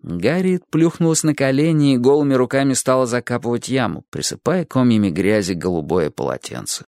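A man narrating an audiobook in an expressive storytelling manner. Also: mid-range voice, brisk, gravelly, dry recording, studio quality. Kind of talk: audiobook reading.

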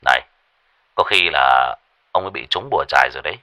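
A man voicing a drowsy, grumpy male shaman woken at night, speaking low and mumbling. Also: fast talker, bright, forceful tone, dry recording, exaggerated voice. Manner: sleepy, low grumbling.

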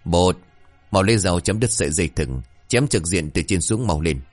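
A man voicing a bossy, short-tempered old exorcist who barks orders and curses, with a low voice and lively pitch, over faint music. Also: normal speed. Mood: commanding.

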